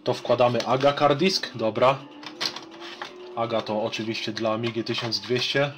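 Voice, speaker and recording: Polish male vlogger, 30s, average pitch, informal rambling chat and game commentary, recorded at home. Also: level tone, normal speed, noisy background. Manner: colloquial, rambling. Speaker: retro gaming vlogger. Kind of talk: casual chat and gameplay commentary. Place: small home room with shelves.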